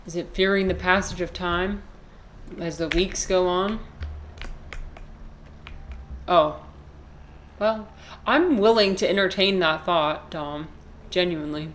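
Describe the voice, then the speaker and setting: In her twenties, this live streamer chats casually with viewers while playing a video game, rambling, swearing freely, and replying to chat comments. Her voice is lowish and slow, with long pauses and a faint hiss or hum on the recording.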